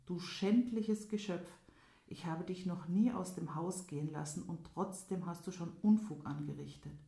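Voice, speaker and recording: A woman's voice: on the low side, normal speed, vocal fry, mellow. A woman voicing a stern old man who scolds and warns in a fairy tale. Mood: angry. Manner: scolding, warning. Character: stern old man, harsh with his dough daughters. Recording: roomy echo.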